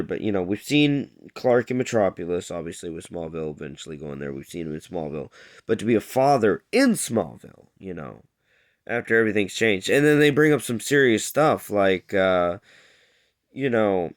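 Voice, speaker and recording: Low-voiced man rambling through a recap. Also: animated, moderate pace. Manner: rambling, lots of fillers, acts out characters' lines. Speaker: TV show reviewer. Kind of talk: casual episode recap.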